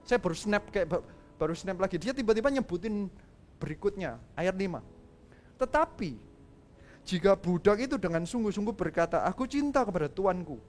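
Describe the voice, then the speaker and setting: A male pastor tells a story during a sermon in a lively, casual way, acting out quoted lines and dropping in English phrases. His voice sits high.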